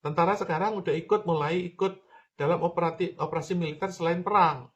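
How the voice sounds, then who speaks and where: Guy doing a political rant monologue, kinda high voice, keeps repeating himself and asking ya kan. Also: fairly even intonation, quick pace, fairly bright tone, lo-fi sound. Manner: emphatic, repeats points, addresses listener directly.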